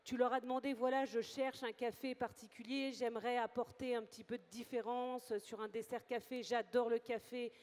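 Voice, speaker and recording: An event host interviews a chef at a live demonstration, asking questions in a lively, friendly way. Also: mid-range voice, moderate pace, hardly any pauses, big-room sound.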